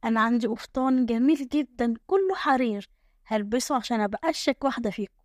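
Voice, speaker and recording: A woman's voice: a little high, fast talker, a little mellow, dry recording, studio quality, natural voice. A woman voicing a group of young village girls with an Egyptian accent who tease and sneer. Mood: mocking. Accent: Egyptian Arabic. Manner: teasing, sneering.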